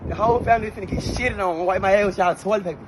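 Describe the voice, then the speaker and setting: A young man with a very high voice rants boastfully through a comedy skit, swearing constantly. Loud street noise hums behind him on an outdoor recording. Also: very fast. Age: 20s. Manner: loud boastful ranting, heavy profanity. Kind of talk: brash comedic skit ranting.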